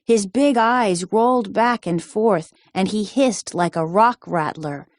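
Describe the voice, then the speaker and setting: A woman narrating a children's storybook in a slow, deliberate storytelling manner. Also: medium pitch, no echo, clean studio sound. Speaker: storybook reader.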